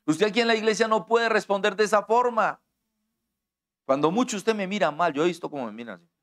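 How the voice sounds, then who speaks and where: Colombian pastor preaching, slightly high voice. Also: male voice, brisk, a bit bright. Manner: direct, conversational preaching that addresses listeners personally; explains with everyday examples and acts out quoted dialogue. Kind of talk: sermon.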